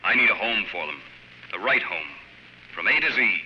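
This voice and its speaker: An actor playing a tough-hearted American radio columnist and boss, with deliberate, punchy delivery in old-time radio drama style. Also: male voice, on the low side, lively intonation, natural voice. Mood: earnest appeal. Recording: muffled, noisy old radio-era recording.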